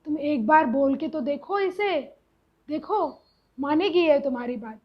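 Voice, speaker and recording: A woman voicing a patient grown son who calmly coaxes and gently teases his mother, on a slightly dull recording. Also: high voice, a little slow. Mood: coaxing.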